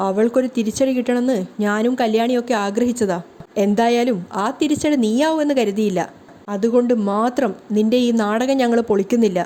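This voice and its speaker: A woman voicing an angry, sarcastic young man who scolds in a mellow, fairly high voice. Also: a little fast, natural voice. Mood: scolding.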